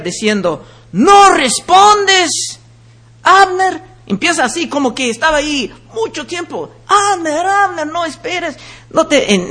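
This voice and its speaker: A man preaching a sermon, reading scripture slowly and with emphasis, then explaining it in plain words. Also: very high voice, fairly bright tone. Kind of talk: sermon, Bible reading with commentary.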